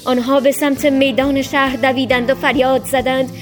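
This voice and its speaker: Expressive woman narrating a storybook. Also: high-pitched, soft background music.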